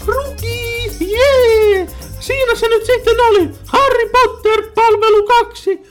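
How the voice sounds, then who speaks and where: A woman hosting a homemade comedy radio show, telling rambling, crude stories in a chatty, fast way. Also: very high voice, steady tone, soft background music. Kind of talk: rambling comic monologue.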